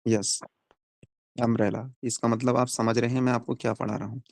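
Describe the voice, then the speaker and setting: A man's voice: medium pitch, level tone, normal speed, vocal fry, no echo. Male teacher quizzing a class. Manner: explains step by step, asks the class questions. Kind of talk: classroom phonics lesson.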